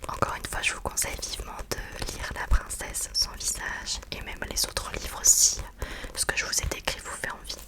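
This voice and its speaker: Casting: female ASMR book reviewer, hushed library whisper throughout, informal and hesitant delivery. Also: moderate pace. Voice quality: soft unvoiced library-like whisper. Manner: hesitant, informal, searching for words.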